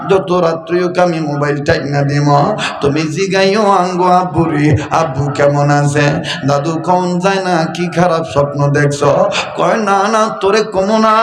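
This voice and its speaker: Gravelly preacher chanting in echoey sound. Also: male voice. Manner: melodic sing-song chanting that rises into high emotional cries. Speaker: Islamic preacher. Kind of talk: Bengali waz sermon with storytelling.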